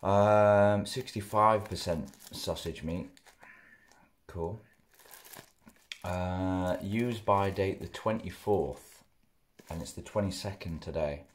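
Young guy, lowish voice, chatty home food vlogger, talks while chewing. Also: slow, pauses often, slight background noise. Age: young adult. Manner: chatty, rambling, mouth often full while chewing. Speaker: food reviewer. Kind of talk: casual food review vlog. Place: living room at home, indoors. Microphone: camera close in front.

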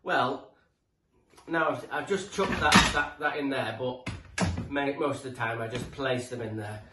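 In an echoey living room with background noise, a chatty British tradesman in his forties offers rambling, matey tool tips with a bit of mild swearing. A camera a few feet away captures his medium-pitched voice, which is a little slow.

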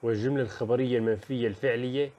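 Fast-talking man giving a lesson overview. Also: mid-range voice, fairly even intonation, dark tone. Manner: brisk, listing topics with fillers and self-corrections. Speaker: teacher.

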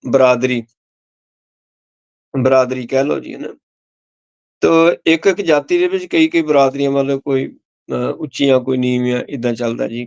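A man, a Sikh preacher, explaining scripture line by line. He chants verses slowly, then explains them plainly, repeating key words and addressing listeners with "ji". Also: mid-range voice, creaky.

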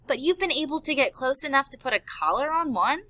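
A woman's voice: high voice, expressive, fairly quick, pushed and bright, no echo, voice pushed up. A woman voicing a sarcastic, scheming male ivory poacher in an audiobook. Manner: sarcastic, amused, smooth-talking.

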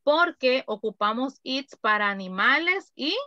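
Slow, bright-voiced woman teaching. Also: sits high, animated, muffled recording, slight background noise. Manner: slow, careful, repeats phrases for students. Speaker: English teacher. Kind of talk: online class explaining grammar.

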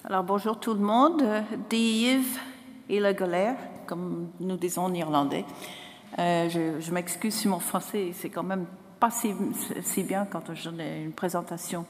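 A woman in her sixties from Ireland with a foreign, Irish accent in French, presenting at a conference in a halting, self-correcting way. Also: on the low side. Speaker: botanist giving a conference talk. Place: large lecture hall, indoors. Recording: echoey auditorium with long reverb.

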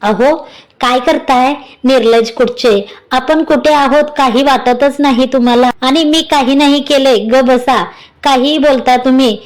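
A woman's voice: sits high, fairly even intonation, unhurried. A woman voicing a flustered, bashful young newlywed wife who scolds and coaxes her husband in a storybook reading. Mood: scolding.

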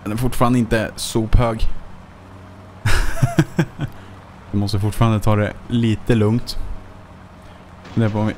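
A man's voice: fairly low pitch, fairly even intonation, pauses often, a little mellow, a little hiss or hum. A man giving casual let's play commentary as a gaming YouTuber, chatting to himself with frequent swearing and chuckles.

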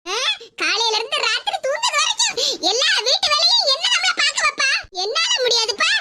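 A sharp-tongued old mother-in-law cartoon figure, scolding and mocking in a Tirunelveli Tamil accent. Her voice sits very high. Loud noise hisses behind the recording. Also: sing-song, fairly quick. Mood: complaining. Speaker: cartoon voice actor.

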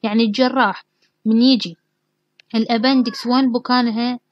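A woman's voice: fairly high pitch, steady tone, brisk, no room sound. A woman with an Iraqi Arabic accent lecturing anatomy. She keeps asking questions, answers them herself and repeats the key terms. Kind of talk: university lecture. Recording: dry, dull lo-fi lecture recording.

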